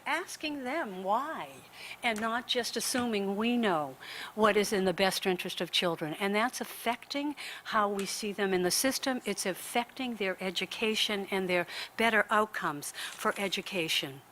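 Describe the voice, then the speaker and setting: A woman's voice: medium pitch, animated, a bit bright, slight background noise. A woman giving an earnest prepared talk on a conference panel, hurrying and often restarting her words. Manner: earnest, rushed, with frequent restarts. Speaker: panel speaker. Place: conference room.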